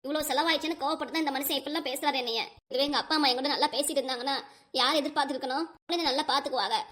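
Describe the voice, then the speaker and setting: Lady doing a whiny cartoon village wife, high and quick, always pleading. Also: fairly even intonation, a bit bright. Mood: aggrieved. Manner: whiny, self-pitying pleading. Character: complaining middle-aged village wife.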